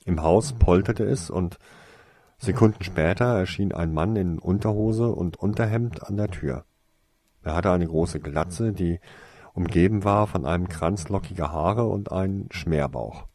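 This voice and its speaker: Man reading a story, low slow husky voice, mellow tone. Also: dry recording. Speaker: narrator. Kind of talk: audiobook fiction reading.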